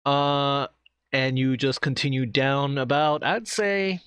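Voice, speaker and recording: A man's voice: mid-range voice, fairly even intonation, slow pace, fairly bright tone, clean tone, no echo. A man narrating as game master, describing scenes in a loose, conversational way with many restarts.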